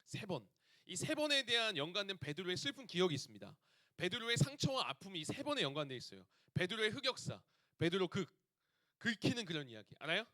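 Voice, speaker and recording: Brief: male youth pastor, high bright voice, lots of swing, keeps quizzing the room, dry close sound. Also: fast, dry recording. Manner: lively, asks the audience questions. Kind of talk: sermon to teenagers.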